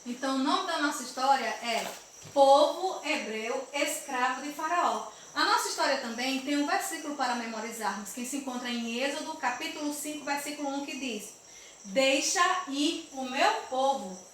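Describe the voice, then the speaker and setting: Brazilian lady doing kids bible class, really high sing-song voice, super echoey like the mic's far off. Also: fairly quick. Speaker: children's ministry teacher. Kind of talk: children's Bible lesson, addressing kids. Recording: echoey room, distant mic, faint noise.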